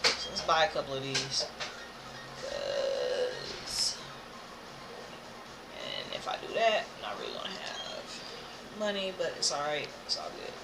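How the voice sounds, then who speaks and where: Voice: medium pitch, huge pitch swings, takes it slowly, vocal fry, long pauses, background noise. An American game streamer thinking aloud in casual, playful commentary while playing. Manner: playful, hums filler tunes, reads game text aloud. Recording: game music behind the voice. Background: video game music.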